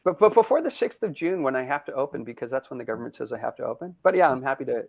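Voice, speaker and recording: A brewery founder chatting casually in an interview, upbeat and rambling, laughing often, over a video call. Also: male voice, medium pitch, big pitch swings, very fast, vocal fry, darkish tone. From Canada. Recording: dull lo-fi video call audio.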